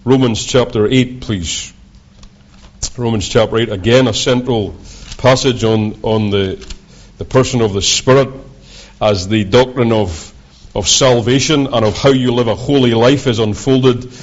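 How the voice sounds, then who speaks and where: A man with a broad Scottish accent preaching a sermon as a visiting preacher, in measured, deliberate, halting phrases. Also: medium pitch. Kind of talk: sermon with scripture readings. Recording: dull, lo-fi sound.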